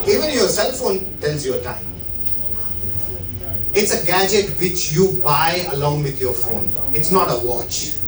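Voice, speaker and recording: A middle-aged Indian man who specializes in watches gives a chatty talk to a live audience, regularly asking them questions. English isn't his first language, and he has an Indian English accent; his fairly high voice moves at a measured pace with lively intonation. He's recorded from a distance in an echoey event room.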